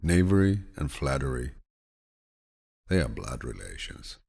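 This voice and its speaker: Slow, scripted narration of quotations comes from a male audiobook narrator. The voice is low, deep and husky, delivered in a soothing, calm way that feels like a grandfather speaking.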